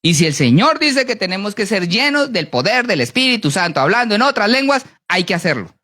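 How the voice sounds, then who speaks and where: A preacher giving a sermon, animated, often asking the congregation to answer yes or no. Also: a little fast. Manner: animated, with big swings in pitch and pace.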